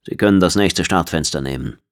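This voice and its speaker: A man's voice: sits low, fairly quick, close to an everyday voice. A man voicing a skeptical senior officer. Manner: dry, questioning.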